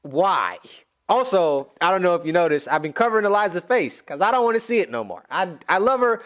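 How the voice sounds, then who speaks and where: A man with a fairly high voice that swings widely in pitch, talking through his reaction to a musical. He sounds animated and emotional, often exclaiming and rambling from one thought to the next. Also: fairly quick. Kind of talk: casual reaction commentary.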